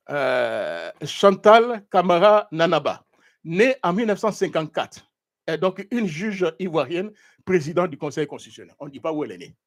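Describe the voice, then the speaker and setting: A man hosting a live talk show, giving indignant political commentary while looking things up online. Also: a little high. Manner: animated, indignant, searching online while talking. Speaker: show host.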